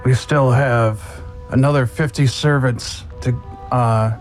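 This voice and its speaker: A man voicing a loyal, deferential undead dwarf servant in a tabletop game, speaking formally and haltingly. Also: mid-range voice, steady tone, soft background music, close to an everyday voice. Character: loyal, servile undead male dwarf minion, deferential and incredulous. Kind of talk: tabletop role-play.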